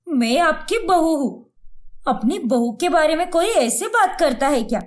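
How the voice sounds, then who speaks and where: A bold young cartoon wife scolds in a brash, high voice, as a woman acts her out. Her delivery is slow and deliberate. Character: bold, fiery young wife, quick to fight.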